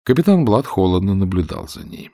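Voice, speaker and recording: Deep-voiced male audiobook narrator. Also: sing-song, brisk, gravelly, dark tone, dry recording, studio quality.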